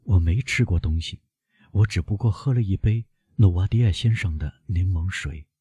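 A man's voice: sits low, moderate pace, warm tone, breathy edge, no echo. A man voicing a poisoned, terrified servant. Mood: faint, weak. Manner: frightened, pleading cries. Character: servant man, poisoned, weak, then panicking.

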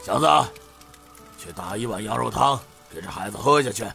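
A man doing a gravelly, sighing old innkeeper. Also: lowish voice, normal speed, pushed and bright, soft background music. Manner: sighing, fatherly, emotional. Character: kindly aging innkeeper man, sighing, warm-hearted. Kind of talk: storytelling with voiced characters.

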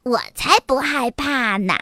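A woman's voice: high-pitched, slow, dry recording, clean studio sound, heavily acted. A woman voicing an eager little boy fox. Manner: excited, boastful, playful storytelling voice. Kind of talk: children's storybook reading.

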